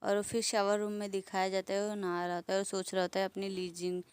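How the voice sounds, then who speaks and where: A woman's voice: mid-range voice, completely flat delivery, fairly quick, a little mellow, clean tone, no echo. A woman casually retelling an anime episode, chatty and laughing along, talking straight to her viewers. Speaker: anime recap narrator. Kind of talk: casual spoken story retelling.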